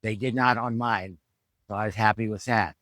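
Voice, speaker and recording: A man's voice: on the low side, steady tone, normal speed, a bit bright, dry recording, studio quality. A man in his seventies giving a plain-spoken, explanatory vlog talk at home, in an informal instructional style. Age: 70s. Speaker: fitness trainer and rehab vlogger.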